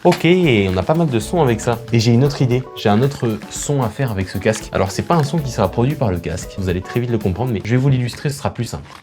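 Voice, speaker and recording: A man's voice: mid-range voice, expressive, fast, few pauses. A man recording a casual video in his bedroom, making music and chatting with viewers in a self-mocking way. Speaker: music producer YouTuber.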